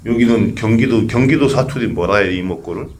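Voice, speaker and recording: Older male monk with a lowish voice, chatty sermon, quizzes the crowd, a touch of background noise. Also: a little fast, a little mellow. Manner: conversational, asks the audience questions, tells humorous stories. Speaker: Buddhist monk giving a dharma talk. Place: temple memorial service.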